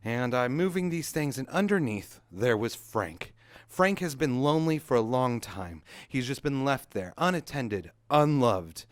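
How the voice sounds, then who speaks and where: A man's voice: medium pitch, sing-song, measured pace, no echo. A young adult man hosting a comedic rant vlog, telling a mock-dramatic story with sarcasm in a recording studio. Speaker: vlog host.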